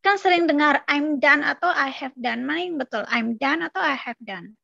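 Female student, high and gravelly, eager questions, dry sound. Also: normal speed, bright, forceful tone, dry recording, highs cut off.

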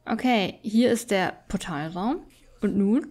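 A woman gives casual let's play commentary as a gaming streamer, chatting and thinking aloud as she goes. Her medium-pitched voice is slow and has a darkish tone.

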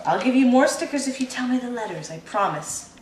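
On the high side, animated and brisk, a mother coaxes her toddler through letters with sing-song encouragement while a crowd can be heard in the background. The home video was recorded indoors on a camcorder's built-in mic, echoey with faint hiss.

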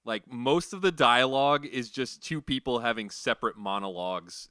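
A man co-hosting a film podcast, cracking sardonic, deadpan jokes. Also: mid-range voice, moderate pace, clear, resonant tone, dry recording, clean studio sound. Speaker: podcast co-host. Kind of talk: casual film-review chat.

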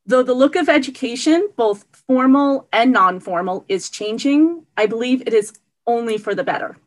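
A woman giving a prepared award acceptance speech over a video call, earnest and steady. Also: a little high, moderate pace, low-quality recording. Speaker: award recipient.

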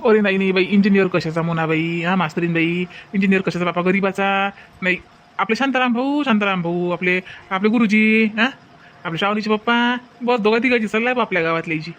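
A man's voice: sits high, fast, fairly bright tone, slight background noise. A man voicing a humble, earnest village man in a cartoon.

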